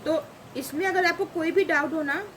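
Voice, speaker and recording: A woman's voice: very high-pitched, moderate pace, fairly bright tone, a little hiss or hum, poor audio. A woman teaching a grammar lesson, saying each example word twice and asking the class questions. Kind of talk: slow spoken lesson.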